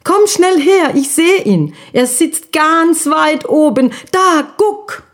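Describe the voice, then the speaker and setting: An eager little school ghost boy, voiced by a woman reading a storybook aloud calls out in a high, urgent voice. His lines come quick and bright above the slow narration. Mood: excited, urgent.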